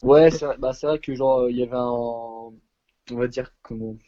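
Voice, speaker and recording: A man's voice: medium pitch, fairly even intonation, moderate pace, mellow, highs cut off. A young French man chatting casually and laid-back, using slang. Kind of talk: casual chat.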